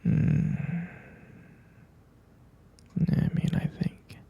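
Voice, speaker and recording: In an intimate ASMR roleplay, a man plays a devoted, soothing father-to-be, whispering affectionately in a soft, breathy, husky voice. He murmurs slowly and reassuringly in an earnest, gentle mood, and the sound is lo-fi.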